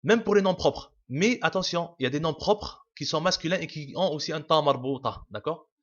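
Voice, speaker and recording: A man's voice: a little high, lively intonation, brisk. A man teaching a casual video lesson, explaining patiently with many fillers, restarts and repeats. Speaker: Arabic teacher. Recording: dull lo-fi home recording.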